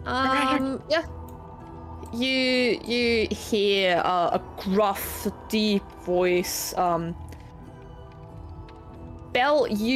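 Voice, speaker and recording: A woman game master narrating a tabletop game casually and haltingly, as if thinking aloud. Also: medium pitch. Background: background music.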